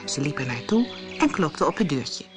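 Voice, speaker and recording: A woman narrating a fairy tale in a lively, expressive storytelling manner. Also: low voice, normal speed, over music.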